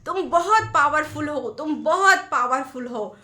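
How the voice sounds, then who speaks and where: Woman voicing an echo from the valley, storybook, loud, high, repeating, echoey. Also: big pitch swings, a little slow, exaggerated voice. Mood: booming. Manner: loud, repeating, called from afar. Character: valley echo mimicking the boy.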